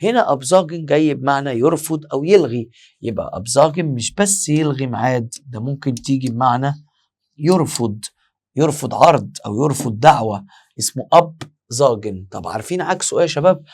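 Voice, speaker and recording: A male language teacher speaks with an Egyptian Arabic accent and a gravelly, fry-edged voice at an ordinary pitch. He walks through each point step by step, repeats key words slowly and quizzes his class. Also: expressive, a little mellow. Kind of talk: exam-prep lesson.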